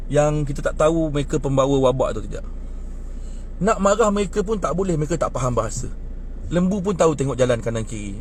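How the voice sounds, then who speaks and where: Over a slight hiss or hum, a young Malaysian Malay-accented man in his twenties airs his politics to those nearby at a bus stop. Tired from lack of sleep, he sounds animated and indignant, his voice going higher as he heats up in this casual outdoor exchange.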